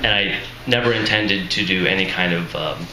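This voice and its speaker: A man with a deep voice speaks at normal speed while introducing his book at a live reading with an audience present. He's casual and self-mocking, adding chuckling asides, and his voice sounds worn out and strained. The recording has room echo and noisy background.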